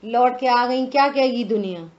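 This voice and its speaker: A woman giving a religious scripture discourse, slow and deliberate, asking many rhetorical questions. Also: on the high side, a little mellow, muffled recording. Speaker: scripture teacher.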